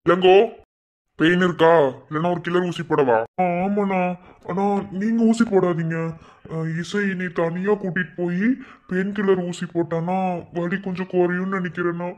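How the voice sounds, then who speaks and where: A man's voice: sits high, steady tone, normal speed, lo-fi sound, close to an everyday voice. Man doing grumbling Madurai cartoon brother. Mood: soothing. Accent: Madurai Tamil. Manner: grumbling, scolding then soothing. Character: young village brother and husband, grumbling but caring. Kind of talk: animated family cartoon dubbing.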